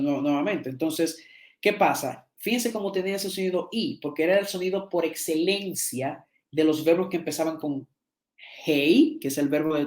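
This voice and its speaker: A man teaching a seminar, explaining slides and often repeating and restarting words as he checks in with his listeners. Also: fairly high pitch. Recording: echoey room.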